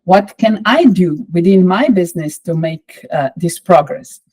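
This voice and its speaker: Slovenian woman lecturer, lowish mellow voice, steady explainer, lots of "uh" fillers. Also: husky, poor audio. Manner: measured, explanatory, with frequent fillers. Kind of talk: online course lecture.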